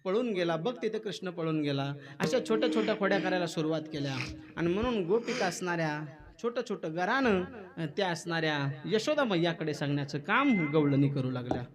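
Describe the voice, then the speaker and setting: A man preaching a devotional kirtan, telling the story in an animated way and acting out the quoted voices. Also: a little high, fairly quick, a crowd in the background. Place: temple hall. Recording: live kirtan with music behind.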